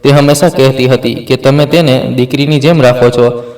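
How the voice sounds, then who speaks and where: A man's voice: mid-range voice, fairly even intonation, normal speed, darkish tone, lightly acted. A man reading an angry young husband. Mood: indignant. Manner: firm and bitter. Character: angry anguished young husband protecting his wife. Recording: roomy echo, distant from mic.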